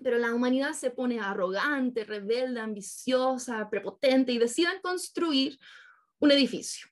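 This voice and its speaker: A woman's voice: a little high, measured pace. A woman preaching a sermon to her congregation, painting vivid scenes and often checking in with her listeners. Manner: engaging, keeps checking in with listeners; vivid storytelling with imagined scenes.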